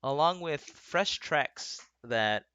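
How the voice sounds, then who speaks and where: A man's voice: fairly high pitch, expressive, slow pace, sharp tone, smooth, dry recording, dull audio. A young man running a tabletop game as dungeon master, hesitant and full of ums.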